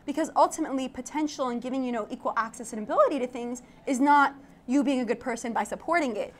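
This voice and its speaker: A young woman from Iraq, an architect and tech founder, chatting animatedly as an interview guest and laughing often. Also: sits high. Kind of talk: casual interview chat. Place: event studio.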